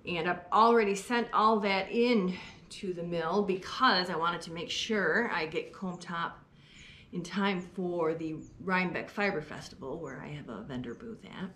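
A middle-aged sheep farmer who sells fleece chats enthusiastically as she works at a skirting table in a barn, giving a casual demonstration. Her voice sits on the low side, pushed and bright, at a measured pace. A tripod camera a few feet away picks her up, and the barn sounds echoey with faint ambience.

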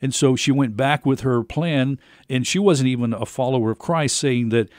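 A man hosting an interview show, asking questions and retelling stories in a steady way with fillers. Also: medium pitch, normal speed, no echo, clean studio sound. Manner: steady, recaps at length with fillers.

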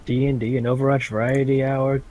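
A man's voice: medium pitch, level tone, brisk, darkish tone, faint music behind. A man asking crude playful questions in casual podcast banter.

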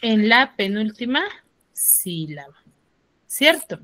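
A woman's voice: mid-range voice, big pitch swings, slow, sharp tone, no room sound. A woman teaching an online class on a video call, drilling students with repeated questions.

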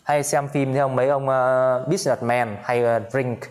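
A man's voice: medium pitch, flat delivery, moderate pace. Chatty Vietnamese man teaching English words. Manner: repeats words many times, chatty asides to viewers. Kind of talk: casual vocabulary lesson.

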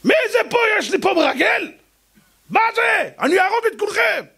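Man playing a raging paranoid king, shrill shouting threats. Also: very animated, vocal fry, heavily acted. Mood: furious. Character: furious paranoid king, hunting a spy.

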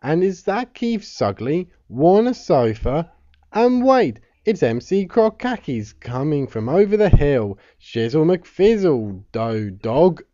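A stiff, pompous bloke who drawls slowly and without feeling, though his pitch still rises and falls, as a man puts him on in mockery. The sound is dry and dull. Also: no echo. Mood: deadpan. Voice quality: deadpan, stiff. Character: flat, emotionless young man, pompous.

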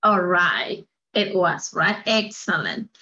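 A woman's voice: on the low side, animated, very slow, sharp tone, slightly rough, muffled recording. A woman teaching a live online English lesson, upbeat and full of praise, switching between Spanish and English.

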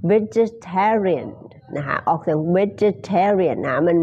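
A Thai woman teaching English pronunciation in a live stream, drawing out model phrases slowly between quick explanations. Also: lowish voice, a little mellow, highs cut off, a little hiss or hum.

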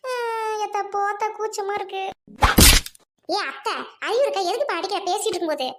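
Woman doing a squeaky cheeky young wife. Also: a little fast, very noisy. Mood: teasing. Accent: Trichy Tamil.

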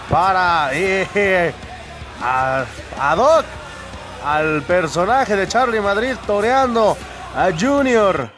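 A man with a Mexican accent giving excitable, exclamatory live play-by-play commentary on wrestling. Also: fairly high pitch.

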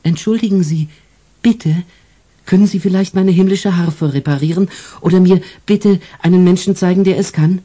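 A man's voice: sits high, normal speed, mellow, pitched above the performer's own voice. A male narrator voicing a small, naive angel boy who asks politely and earnestly for help. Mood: pleading, polite. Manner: polite, pleading, repetitive asking. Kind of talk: storybook character voice.

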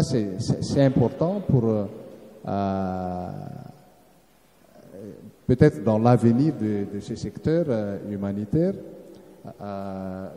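A man giving an earnest, halting conference presentation as a round-table panelist, often restarting his phrases. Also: on the low side, mellow. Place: seminar hall. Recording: echoey hall with long reverb.

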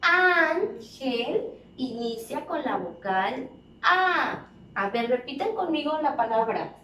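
A woman's voice: high-pitched, sing-song, takes it slowly, sharp tone. A woman teaching preschoolers, stretching out each word and asking sing-song questions. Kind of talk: slow, exaggerated teaching to small children. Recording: echoey room, voice from a distance, faint background noise.

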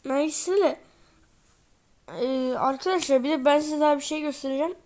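High-voiced sleepy woman gaming chatter. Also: moderate pace, darkish tone. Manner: chatty, rambling, repeats "neyse" often. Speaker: gaming channel host. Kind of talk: casual football game commentary.

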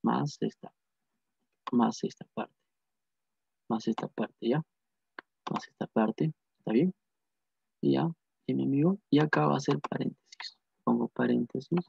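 A man's voice: mid-range voice, creaky, husky, dry recording. A man teaching a math lesson, repeating phrases and asking and answering his own questions. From Peru. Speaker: math tutor. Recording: dull lo-fi dry sound.

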